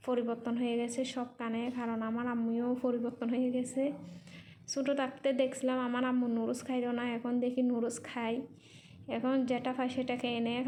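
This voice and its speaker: High, even-toned woman speaking non-native Bengali. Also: slight background noise. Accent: non-native Bengali with Chittagong regional influence. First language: not Bengali. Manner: repeats and rephrases in simple words. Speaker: vlogger and mother living in Malaysia. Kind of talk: casual vlog voice-over.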